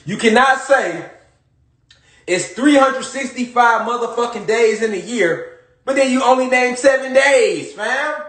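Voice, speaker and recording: A man's voice: extremely high pitch, unhurried, a bit bright. A man talking straight to his listeners in a casual monologue, emphatic and profane, repeating his points again and again. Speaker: social media commentator. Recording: echoey room.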